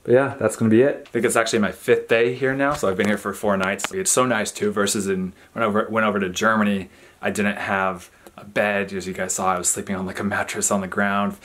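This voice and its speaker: Low-voiced young American man vlogging. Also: fast. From USA. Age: 20s. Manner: excited, rambling, restarts sentences. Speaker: soccer player vlogger. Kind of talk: casual vlog narration. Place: indoors at home and outdoors in the city. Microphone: handheld action camera.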